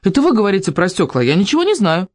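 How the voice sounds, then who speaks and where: A sly little schoolboy from a storybook, played by a reader whines and pleads in a raised, lively voice. The sound is close and dry. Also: medium pitch, racing, no echo. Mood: pleading. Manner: whining, pleading. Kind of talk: audiobook character voice.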